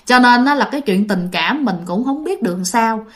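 A woman with a Southern Vietnamese accent tells ghost stories in a relaxed, chatty way and keeps addressing her listeners. Her voice is fairly high and very lively in pitch. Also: brisk. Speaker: ghost story narrator. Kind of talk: casual storytelling to listeners.

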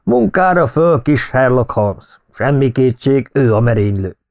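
A man's voice: mid-range voice, lively intonation, vocal fry, darkish tone. A man voicing a jovial older lord who teases and brushes off warnings. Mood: teasing. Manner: teasing, good-humored.

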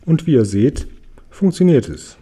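Storybook: a man doing a tiny, ancient, giggling mountain dwarf, proud and grumbly, husky and mellow. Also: medium pitch, big pitch swings, unhurried, pitched above the performer's own voice. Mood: explaining. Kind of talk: storybook read-aloud.

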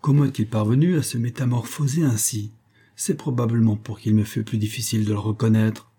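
Guy putting on an obsessed violinist, pleading, raised voice, husky dark tone, storybook reading. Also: lowish voice, steady tone, fairly quick. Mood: brooding. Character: mad middle-aged male violinist, pleading, obsessed.

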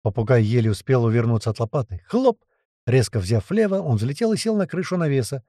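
Lively male audiobook narrator. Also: mid-range voice, fast, no room sound, clean studio sound. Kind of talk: scripted narration.

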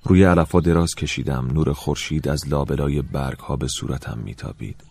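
A man narrating an audiobook in the first person, soft and reflective, with a wistful tone. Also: a bass voice, creaky, breathy edge, dry recording.

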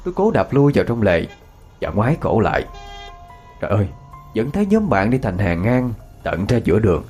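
A man narrating a ghost story in a dramatic, expressive reading. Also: fairly low pitch, brisk, faint music behind.

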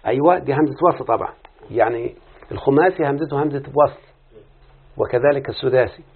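With a medium-pitched, breathy-edged voice and an Egyptian Arabic accent, this teacher slowly drills word patterns in a grammar lesson on Arabic morphology, questioning students who respond. It sounds like a tinny phone recording.

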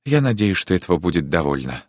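A man's voice: sits low, sing-song, fast talker, no room sound, studio quality. A man voicing a passionate noble countess in an audiobook reading, speaking in a dramatic, impassioned, imploring way. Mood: insistent.

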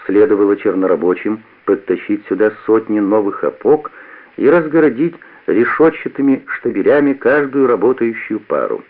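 A man giving an expressive, measured first-person narration of a story, recorded on a tinny lo-fi old radio recording. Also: fairly low pitch.

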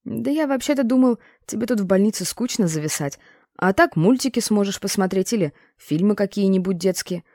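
A woman's voice: mid-range voice, lively intonation, brisk, mellow, no room sound, clean studio sound. A woman reading a brash, slangy grown man. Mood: teasing. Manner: slangy, blunt. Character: brash, rough-talking grown man, teasing.

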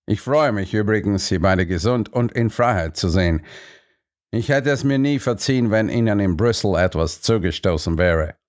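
A man voicing a smooth, evasive male diplomat who answers in a calm, measured way. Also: fairly low pitch, lightly acted.

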